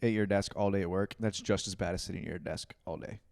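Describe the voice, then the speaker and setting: A young man, co-hosting a podcast in loose casual chat, full of "like" and quick laughs. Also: sits low, fairly even intonation, creaky, darkish tone, dry recording, studio quality. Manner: rambling, filler-heavy, laughs easily. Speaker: podcast co-host.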